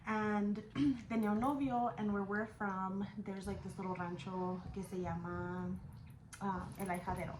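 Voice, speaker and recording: This is a woman in her 20s, a vlogger recounting something personal in casual chat, speaking at normal speed with a steady, medium-pitched voice. She code-switches between English and Spanish, uses slang, and swears casually. It's recorded in an echoey room with background noise.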